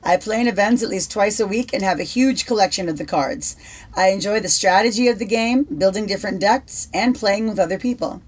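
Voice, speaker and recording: A woman co-hosting a casual podcast, reading out answers she has prepared. She keeps a measured, steady delivery. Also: mid-range voice. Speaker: podcast co-host.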